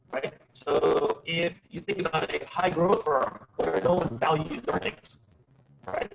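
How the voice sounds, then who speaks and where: A man gives an academic seminar with plenty of halting fillers, and his pitch swings widely as he explains. His voice arrives over a video call at a low sample rate, so it sounds robotic, dull and lo-fi. A faint hiss of noise sits underneath. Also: creaky. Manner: halting, filler-heavy delivery with lively intonation. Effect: low sample rate, robotic-sounding online audio. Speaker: seminar presenter. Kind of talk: academic research talk. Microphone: computer mic on a video call.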